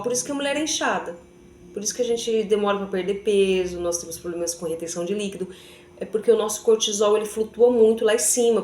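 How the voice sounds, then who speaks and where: In an echoey room, a vlogger shares her personal faith testimony, chatty and frequently addressing viewers with little tag questions. Her voice is medium-pitched and darkish, with a little hiss or hum in the audio.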